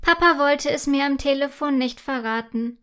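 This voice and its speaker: A woman voicing an excited, eager little girl in a children's story. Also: sits high, moderate pace. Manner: eager, bubbly.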